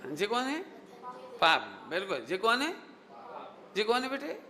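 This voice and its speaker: A man's voice: high-pitched, wildly swooping pitch, measured pace, sharp tone. A man giving a religious lecture who keeps quizzing his audience and drilling key phrases with repeated rhetorical questions. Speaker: Jain scholar giving a lecture. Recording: echoey hall with faint noise.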